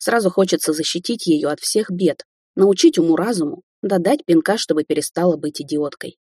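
Female audiobook narrator, husky and low, with a dry close sound. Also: a little fast, dark tone, no echo.

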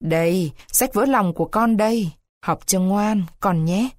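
A woman voicing a poor, kind old father who mumbles gently. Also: mid-range voice, measured pace, dry recording, clean studio sound, lightly acted. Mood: tender. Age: older.

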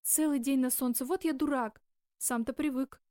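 A woman voicing a tender, remorseful young man who speaks quietly and slowly in an audiobook. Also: high-pitched, steady tone, no echo, studio quality, close to an everyday voice. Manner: quiet, slow, guarded.

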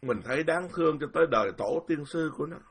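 Older southern vietnamese monk, husky voice, ranting and rambling, repeats himself a lot. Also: male voice, on the high side, lively intonation, fast talker. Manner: indignant, rambling, repeats words, laughs. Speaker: Buddhist monk. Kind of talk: casual spoken dharma talk.

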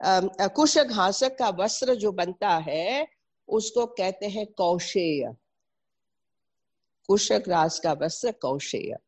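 A woman's voice: medium pitch, animated, unhurried, darkish tone. Didactic woman with a North Indian accent. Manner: didactic, spells out and repeats terms. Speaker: presenter explaining traditional Indian textiles. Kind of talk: informal explanatory talk mixing English with Hindi and Sanskrit.

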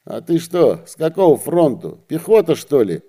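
Male reader as a brusque, pushy soldier, loud orders, very dark voice. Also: mid-range voice, lively intonation, measured pace, lightly acted. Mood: bossy shouting.

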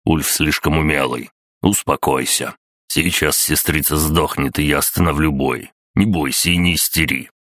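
A man reading an audiobook, voicing a calm, pragmatic male warrior who speaks steadily and reassuringly. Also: very deep voice, moderate pace, no room sound, studio quality.

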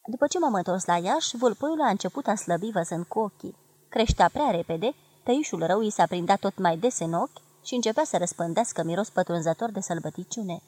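Husky-voiced woman reading a memoir. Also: mid-range voice, no echo. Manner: measured, expressive narration. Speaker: reader of a memoir. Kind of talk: literary audiobook reading.

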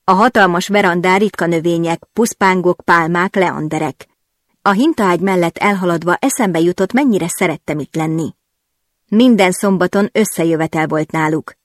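Woman reading a romance audiobook, lowish voice, dry close mic. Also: dry recording. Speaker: audiobook narrator. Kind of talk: first-person novel reading.

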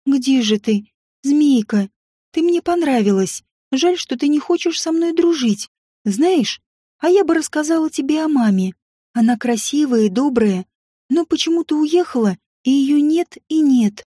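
A woman voicing a lonely, gentle little princess girl who speaks in an earnest, childlike way. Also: sits high, animated, measured pace, no room sound, studio quality. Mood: wistful, sad.

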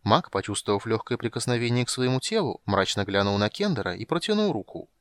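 A man narrating a fantasy audiobook in an expressive storytelling manner. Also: medium pitch, quick pace, no room sound. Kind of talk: scripted narration.

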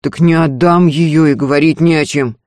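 Reader doing a grumbly reserved husband, even and dry. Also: medium pitch, normal speed, no room sound, lightly acted. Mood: restrained. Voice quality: restrained, grumbling. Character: middle-aged peasant husband, restrained and dry. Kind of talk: audiobook character voice.

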